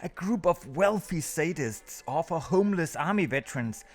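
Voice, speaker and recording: A man with a fairly high voice presents a scripted countdown review as a video host, narrating over background music. He speaks expressively at a normal pace.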